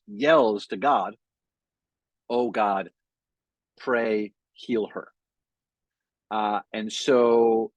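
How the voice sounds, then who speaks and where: Rabbi, male, mid-pitched and a touch husky, easygoing sermon style with lots of restarts, dry close sound. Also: no room sound. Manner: conversational, thinking aloud with frequent fillers and restarts. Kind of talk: weekly sermon message. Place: in front of a Hebrew sign, dry room.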